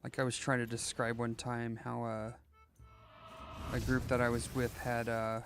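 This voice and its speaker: A man's voice: medium pitch, completely flat delivery, measured pace, fairly bright tone, soft background music. Rambling man streaming a game. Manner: rambling, joking, thinking aloud with many restarts. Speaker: live streamer. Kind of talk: casual live game-stream commentary.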